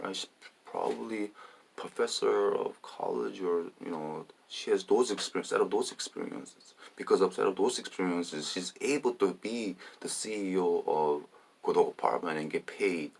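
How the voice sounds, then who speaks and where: Very deep gravelly man rambling. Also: slight background noise. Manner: meandering, repeats himself, many fillers. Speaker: vlogger. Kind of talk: rambling personal monologue.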